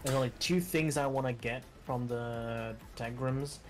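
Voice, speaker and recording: A man playing alongside a streamer, calmly explaining game mechanics in casual chat. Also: medium pitch, a little slow, faint music behind. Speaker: co-player.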